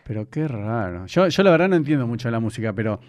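A man from the United States hosts a relaxed interview. His voice sits at an ordinary pitch, and he keeps nudging the story along with short reactions and curious follow-ups. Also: fast talker. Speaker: host. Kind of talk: casual interview.

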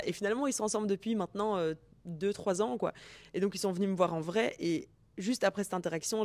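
A young woman, a guest telling stories in a lively way, acting out quotes and often restarting sentences. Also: lowish voice, dry recording. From Belgium. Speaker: guest, founder of a student dating group. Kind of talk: casual storytelling.

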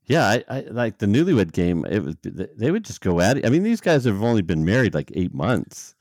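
Deep, lively-voiced male podcast host. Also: moderate pace, no echo, clean studio sound. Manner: easygoing, animated, acts out reactions. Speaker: podcast co-host steering segments. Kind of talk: casual chat.

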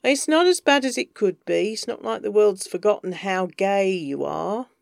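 A woman reading as a bossy publicist whose voice jumps up high and loud to scold a client. The delivery is sharp and hectoring, with a gravelly edge, and the recording is dry. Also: lively intonation, normal speed, no room sound. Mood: sarcastic.

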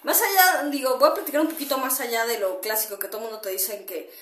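A woman's voice: fairly high pitch, fast, fairly bright tone, echoey room. A woman hosting a casual solo podcast, rambling with many fillers and tag questions and greeting listeners as she goes. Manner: greets listeners mid-talk. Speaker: podcast host.

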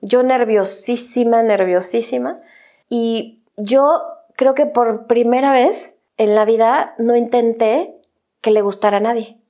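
A woman's voice: on the high side, steady tone, measured pace, warm tone. A woman with a Mexican accent telling her personal life story in a candid, conversational way, often adding little tag questions. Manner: candid and conversational, with frequent "o sea" and "¿no?" tags.

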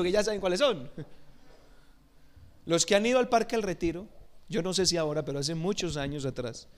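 A man pastor preaching a sermon, telling lively stories and acting out the voices in them. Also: high-pitched. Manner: animated, acts out voices in anecdotes. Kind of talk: sermon with storytelling. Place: church.

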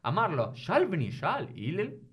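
A man with an Argentine Spanish accent telling a story in casual chat, reading old Hebrew lines slowly and then explaining them. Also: high-pitched, huge pitch swings, fairly bright tone, breathy edge. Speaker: host telling a rabbinic story.

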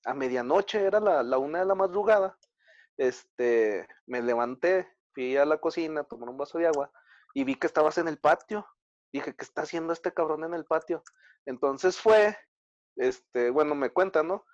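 A man's voice: a little high, expressive, moderate pace, no echo, highs cut off. A man with a Mexican Spanish accent, telling a story in a casual, slangy chat full of fillers.

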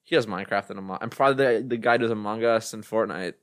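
A man's voice: fairly low pitch, quick pace, clear, resonant tone. A man chatting casually as a co-host, rambling on and joking with his friends. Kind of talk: casual bantering chat.

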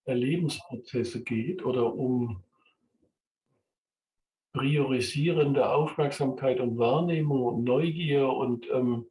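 A man hosts a reflective podcast conversation, talking slowly and hesitantly with frequent filler sounds. He is set back from the microphone in a roomy, echoing space, with a faint hiss of noise underneath. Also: mid-range voice, warm tone. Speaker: podcast host. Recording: roomy, distant mic, faint background noise.

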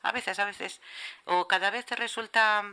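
A woman relays a lecture in real time, her phrasing halting and full of restarts and self-corrections. Her voice is very bright and tense, sitting at an ordinary pitch. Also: fairly even intonation, clear, resonant tone. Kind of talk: interpreted lecture on language and literature. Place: lecture hall.

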